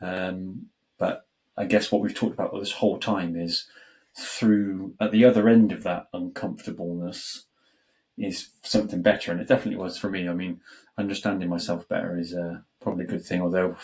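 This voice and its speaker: A man in his forties with a somewhat low voice hosts a podcast conversation. He reflects slowly and hesitantly, with many pauses and fillers. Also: level tone, a little mellow. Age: 40s. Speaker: podcast host.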